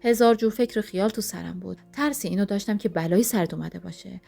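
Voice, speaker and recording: A woman's voice: medium pitch, gravelly, mellow. A woman voicing an angry, heartbroken young man who demands answers. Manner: pleading, accusing.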